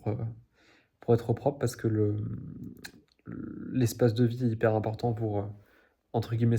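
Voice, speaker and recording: A young man with a lowish, dark-toned voice rambles to the camera in his everyday video diary. Fillers and restarts pile up as he goes, and he laughs at his own slip-ups.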